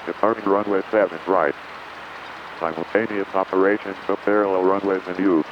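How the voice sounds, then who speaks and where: A man's voice on an automated airport weather broadcast, reciting wind, clouds and runway information in a flat, recited way over an aircraft radio. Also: deep voice, fairly quick. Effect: airport weather broadcast heard over aircraft radio. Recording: muffled aircraft radio under engine noise.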